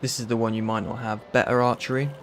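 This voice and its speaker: A man's voice: on the low side, completely flat delivery, fast, a little hiss or hum. A man with a London accent, casually reading through a list of game mods with a friend. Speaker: streamer. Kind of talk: casual gaming chat.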